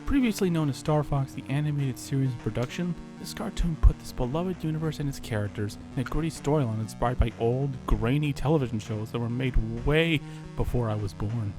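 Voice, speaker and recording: Over background music, a male narrator delivers his scripted first-person horror tale with theatrical flair. He talks fairly quickly at medium pitch, hardly pausing, and the recording is rough.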